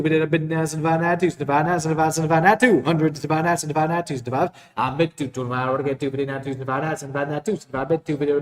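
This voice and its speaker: A male auctioneer with a fairly high voice chants numbers and bid calls in a repetitive rhythm. He sounds somewhat away from the mic, and the room rings clearly around him. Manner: repetitive rhythmic bid calling between plainly announced lots. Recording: roomy echo, distant from the mic.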